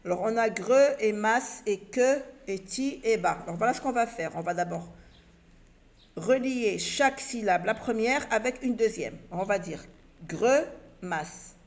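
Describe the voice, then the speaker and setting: A woman's voice: on the high side, lively intonation, normal speed. A woman teaching a children's reading lesson, patiently sounding out syllables and letters one by one and answering her own questions. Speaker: primary school teacher.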